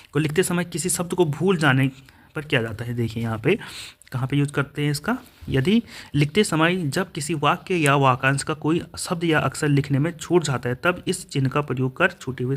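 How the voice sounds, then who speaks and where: A man leads an exam-prep grammar lesson in a plain, mid-pitched voice. He explains each point step by step and works through example sentences one at a time. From India. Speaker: teacher.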